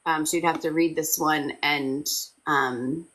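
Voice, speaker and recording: A woman hosting a live stream, tired and hesitant, with many pauses and ums. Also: low voice, steady tone, a bit bright, poor audio. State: exhausted. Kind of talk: casual live-stream chat.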